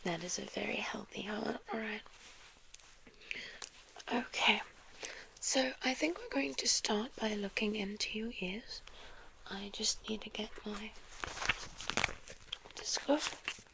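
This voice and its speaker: A South African woman in a whispered role-play as a gentle, reassuring doctor, speaking softly and very close, right into the ear. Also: mid-range voice, vocal fry, background noise. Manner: gentle, reassuring, unhurried patter of an examiner. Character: polite, reassuring female doctor examining a patient. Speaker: ASMR performer playing a clinic doctor. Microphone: very close microphone.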